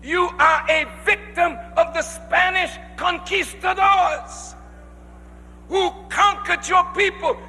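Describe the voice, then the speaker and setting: A male preacher delivering a sermon to a congregation in a large hall, speaking emphatically with drawn-out phrases that rise to shouts. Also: very high-pitched. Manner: addresses the congregation directly. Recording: long reverb of a large hall.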